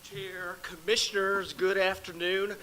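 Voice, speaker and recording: A man's voice: sits high, level tone, measured pace, bright, forceful tone, a little hiss or hum, low-quality recording. A man, a judge, giving a short formal introduction to county commissioners.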